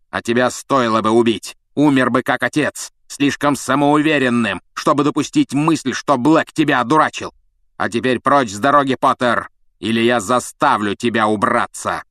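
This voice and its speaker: A man voicing a cruel, vengeful male professor who hisses threats and shouts in rage. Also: mid-range voice, no room sound, studio quality, pitched above the performer's own voice, natural voice. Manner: hissing menace turning to shouting rage.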